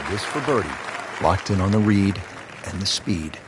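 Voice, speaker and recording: A man's voice: deep voice, moderate pace. A man giving live golf commentary as lead announcer, in short, punchy phrases addressed to a co-commentator. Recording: loud outdoor crowd and ambient noise.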